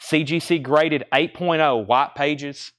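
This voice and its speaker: A man's voice: a little high, slow, fairly bright tone. Man calling out a live auction sale. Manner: auctioneer-style calling of lots, prices, bids and names. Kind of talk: live sales patter, unscripted.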